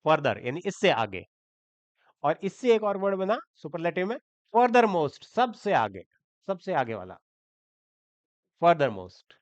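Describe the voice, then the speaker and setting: Clear, higher-voiced male grammar teacher. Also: big pitch swings, slow, pauses often, no room sound, highs cut off. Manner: explains step by step, spells words letter by letter, asks checking questions. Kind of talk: Hindi-language grammar lesson.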